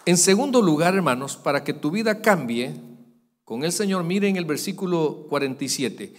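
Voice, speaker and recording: A male pastor preaches in a fairly high, very lively voice. His delivery jumps from loud, stretched-out calls down to soft, confiding asides. The sound carries a long reverb from a large church hall. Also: normal speed. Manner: animated preaching, voice swinging from loud peaks to quiet asides. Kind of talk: sermon.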